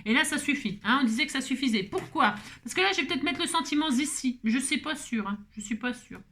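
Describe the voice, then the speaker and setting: A woman's voice: high-pitched, animated, fast, sharp tone. Chatty woman, bubbly crafter. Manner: playful, talks to herself, bursts into song. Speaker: crafting tutorial host.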